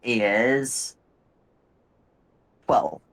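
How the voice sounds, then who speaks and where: A man's voice: on the low side, lively intonation, drawn-out words, creaky, a bit bright. A man running a tabletop fantasy game, moving between descriptive narration and casual talk with players. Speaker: game master.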